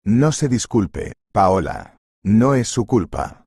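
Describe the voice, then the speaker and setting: A man's voice: fairly low pitch, big pitch swings, slow, a little mellow, husky, no echo, studio quality, exaggerated voice. A man voicing a stern, fair-minded male restaurant boss who speaks firmly in a storybook reading. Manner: firm, corrective.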